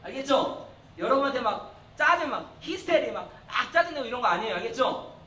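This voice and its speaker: A young male youth pastor preaches to middle schoolers in a church hall, his voice extremely high, brisk and sharp, with big pitch swings. He coaxes and plays with them, often raising his voice for emphasis. The recording is echoey and distant, with faint noise.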